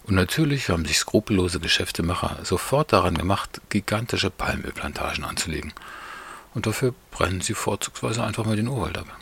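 Lecturing neighbor, male, deep husky tone, measured and faintly scornful, read by a man. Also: expressive, fairly bright tone, full character voice. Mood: explaining. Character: calm, critical male neighbor explaining consumer politics.

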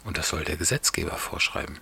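A man voicing a calm, lecturing neighbor. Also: a bass voice, vocal fry, husky, heavily acted. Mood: explaining. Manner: measured, lecturing, a little scornful. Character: calm, critical male neighbor explaining consumer politics.

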